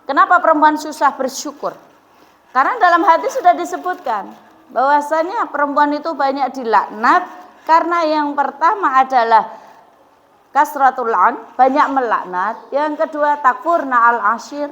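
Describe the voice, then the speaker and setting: High-voiced woman preaching to women. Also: normal speed, fairly bright tone, long reverb tail. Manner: asks the audience questions, acts out prayers in quoted voices. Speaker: religious teacher. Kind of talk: sermon to women's study group. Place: mosque. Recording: muffled lo-fi sound.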